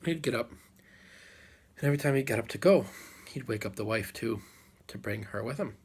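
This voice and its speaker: Husky-voiced man telling a folk story. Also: mid-range voice, animated, darkish tone. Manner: unhurried with dramatic pauses and repeated phrases. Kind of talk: live oral folk storytelling.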